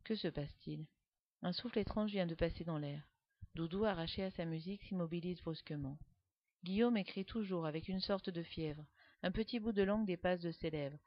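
A woman reads a storybook aloud, her lowish voice expressive and animated. The recording is dull and lo-fi, with a dry, close sound and no room around it. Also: normal speed, no echo. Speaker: reader. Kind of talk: storybook narration.

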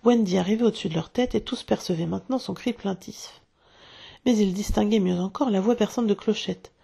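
A woman narrating a storybook in a hushed, dramatic way, often dropping to a whisper. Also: mid-range voice, brisk, vocal fry, husky. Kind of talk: storybook reading.

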